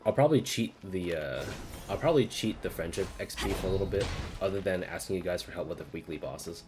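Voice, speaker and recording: Over game music, a streamer delivers casual live commentary in a low, animated voice at a quick pace. He swears freely and playfully, shifting between muttering and exclaiming.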